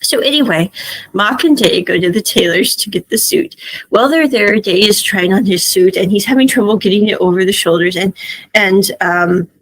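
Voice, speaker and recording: A woman's voice: mid-range voice, moderate pace, breathy edge, rough recording. A woman giving a chatty recap of a drama series, laughing often and acting out the characters' lines. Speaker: series reviewer. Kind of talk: casual recap and commentary.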